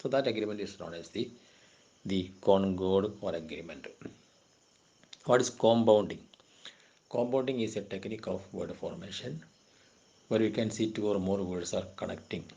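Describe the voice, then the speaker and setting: A man with a Kerala accent giving an exam question-and-answer lecture on linguistics. He reads English definitions slowly, then explains them in quicker Malayalam asides. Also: lowish voice, creaky, warm tone. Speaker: university lecturer.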